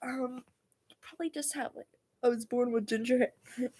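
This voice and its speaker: A woman's voice: fairly high pitch, steady tone, normal speed, warm tone. A woman livestreaming casually, rambling and stumbling over words as she reads homework aloud. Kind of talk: casual livestream chat while doing homework.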